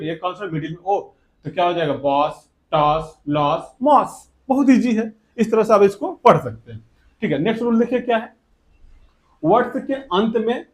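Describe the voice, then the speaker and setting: A man teaching a classroom English lesson, speaking with a Hindi accent in a notably high-pitched voice. He keeps putting rhetorical questions to the class and answering them himself. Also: darkish tone.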